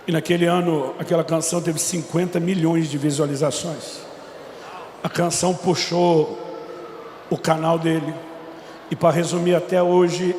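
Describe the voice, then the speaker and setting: A middle-aged Brazilian pastor preaches with emphasis, his voice riding high with a gravelly edge. He is recorded in a church hall with a long, roomy echo and a faint murmur of ambience behind him. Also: a little hiss or hum. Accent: Brazilian Portuguese. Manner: emphatic storyteller, voice rising into shouts. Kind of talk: sermon with retold dialogue. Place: church hall before a congregation.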